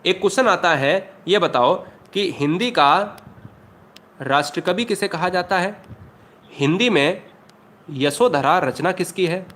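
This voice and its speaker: A man's voice: high-pitched, takes it slowly, long pauses, fairly bright tone. Emphatic male Hindi exam tutor. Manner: emphatic, repeats questions, addresses students as brother. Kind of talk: online exam-prep lesson.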